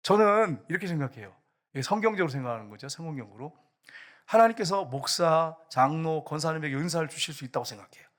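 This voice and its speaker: Male pastor preaching, kinda high voice, keeps calling out to the congregation. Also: animated, fast, fairly bright tone. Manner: emphatic preaching, addresses the congregation often. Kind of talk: sermon.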